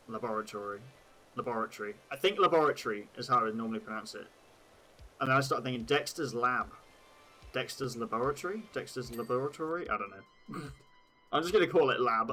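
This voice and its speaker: Bright-voiced English streamer, chatty. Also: male voice, medium pitch, poor audio. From England. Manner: rambling, swearing, laughing at his own jokes. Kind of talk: casual live-stream chat.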